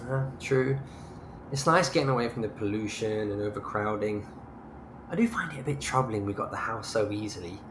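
In a naturalistic audio drama, a man with a lowish, natural voice speaks fairly quickly as an anxious, hesitant, old-fashioned husband, sounding worried. The recording is echoey with clearly noisy ambience.

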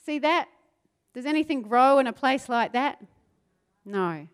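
A New Zealand woman delivers a sermon in a high-pitched, animated voice that is smooth and measured in pace. She talks back and forth with the crowd, questioning them and adding asides, and works up to fervent, mounting intensity.

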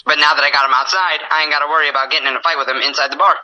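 A man speaks as a guest on a casual call-in show, in a laid-back, self-mocking way. His voice is very bright and sits a little high. He tells stories from his work with easy humor. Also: fairly even intonation, very fast, dull audio. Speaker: guest, fighter and bar bouncer. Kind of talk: casual phone-in chat.

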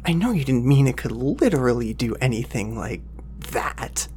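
In an audio drama, a man plays a flustered young office assistant with a medium-pitched, slightly mellow, natural voice at normal speed. His intonation is lively, swinging up and down as he hesitates politely and keeps apologizing. Faint music plays behind him.

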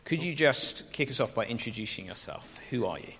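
A man's voice: medium pitch, lively intonation, brisk, a bit bright, a little hiss or hum. A man hosting a casual onstage interview in a church, chatty and teasing. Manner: chatty, teasing, laughs easily. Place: church hall. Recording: reverberant church hall.

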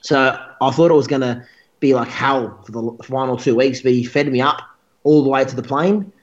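A man's voice: mid-range voice, normal speed, dull audio. A young man telling a long story as a guest in a casual interview, rambling and restarting his sentences. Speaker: guest bodybuilder.

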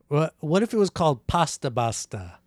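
A man's voice: on the high side, very animated, normal speed, darkish tone, no room sound. A man co-hosting a podcast in casual, rambling, jokey chat, with music under it. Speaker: podcast co-host.

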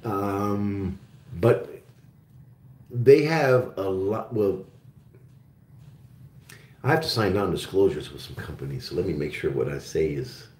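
A man's voice: deep voice, slow, long pauses, a little mellow. A man from Germany who grew up in Oklahoma, hosting a live call-in show about metals and resource stocks, chatting casually with lots of fillers and restarts. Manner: rambling, with frequent fillers and restarts. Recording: roomy echo.

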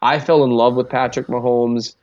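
A man's voice: mid-range voice, steady tone, moderate pace, a little mellow, highs cut off. A man from Minnesota with a Minnesotan accent, chatting casually as a podcast guest, talkative and self-deprecating. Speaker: guest analyst.

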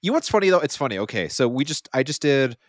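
A man hosting a podcast, telling a story in an animated way. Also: mid-range voice, fast, no room sound, clean studio sound. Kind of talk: casual podcast chat.

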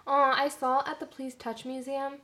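A bubbly young woman co-hosting a podcast, chatting freely and jumping from topic to topic. Her voice sits a little on the high side. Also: level tone, moderate pace, bright, forceful tone. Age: young adult. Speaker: podcast co-host. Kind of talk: casual chat.

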